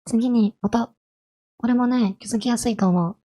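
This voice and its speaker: Mellow-voiced woman explaining casually. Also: a little high, normal speed. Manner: chatty, friendly teacher tone with rhetorical questions. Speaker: language vtuber.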